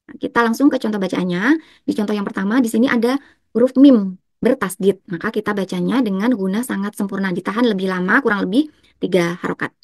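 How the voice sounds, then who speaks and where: A woman's voice: medium pitch, no room sound. Young woman, patient tajwid teacher, dry close sound. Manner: patient, repetitive explanation, slows to chant examples. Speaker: Quran recitation teacher. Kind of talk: explaining tajwid rules step by step.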